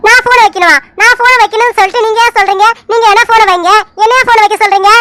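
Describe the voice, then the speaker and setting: A woman voicing Poomari, a playful and quick-tempered young village woman in an animated serial, who argues in rapid, indignant bursts. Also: very high voice, noisy background. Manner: indignant, rapid back-and-forth arguing. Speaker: cartoon character.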